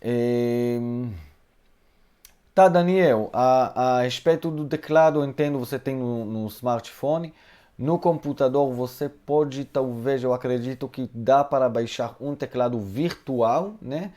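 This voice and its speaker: Man, native Hebrew speaker, language teacher, live online class, halting speech, lots of fillers, mid-range voice. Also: mid-range voice, warm tone. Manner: hesitant, many fillers and tag questions. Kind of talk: live online lesson answering questions.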